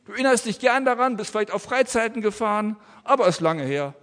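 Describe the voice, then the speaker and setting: A man's voice: high voice, expressive, quick pace, fairly bright tone, in a large hall. A man preaching a family sermon to children and adults in a church, using simple, friendly words for the children. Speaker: pastor.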